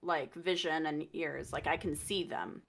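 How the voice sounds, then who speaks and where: A woman's voice: sits low, fairly even intonation, a little slow, vocal fry, a bit bright. Woman player asking spell questions. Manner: earnest, questioning. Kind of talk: tabletop role-play, asking rule questions.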